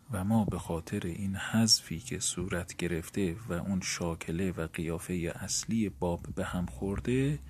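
A man's voice: low voice, a little mellow, slight background noise. A man giving a methodical lecture on grammar rules to fellow seminary students, walking through each step of a rule. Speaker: teacher of Arabic morphology.

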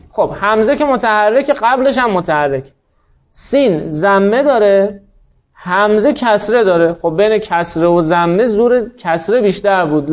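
A man teaching a class, explaining grammar rules step by step, asking the students questions and then answering them himself. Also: high-pitched. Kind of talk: classroom lecture on Arabic spelling. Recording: dull lo-fi sound.

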